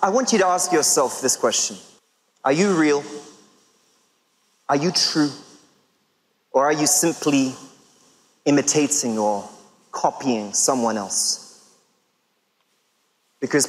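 A man in his thirties preaching in a large church hall, with a lively, swooping delivery and a slightly high voice. He speaks slowly and deliberately, stretching out key phrases, and his words ring with the long reverb of the big hall. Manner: emphatic, rhetorical questions, drawn-out pauses. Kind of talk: sermon.

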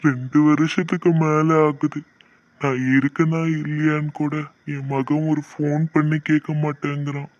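A man's voice: a little high, no room sound, close to an everyday voice. A man voicing a sorrowful lonely old grandfather. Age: older. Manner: sorrowful, pleading. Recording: dull lo-fi, dry.

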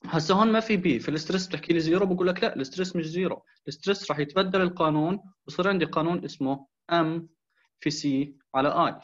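A man's voice: a little high, rapid-fire. A man with a Levantine Arabic accent gives a recorded engineering video lecture, explaining step by step, asking rhetorical questions and mixing in English technical terms. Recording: dull lo-fi recording.

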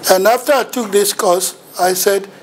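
This visiting university lecturer, a middle-aged man with a Ghanaian accent, delivers a seminar lecture in a lecture room with a projection screen, poking fun at himself as he tells his story. His voice is high and his pace moderate, with slight background noise.

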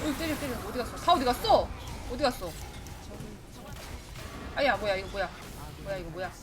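A woman's voice: fairly high pitch, moderate pace, over music. A woman streaming a game live, reacting to the match as she plays, with yelps and bursts of laughter. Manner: excitable, talks to herself, yelps and laughs. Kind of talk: live gameplay commentary.

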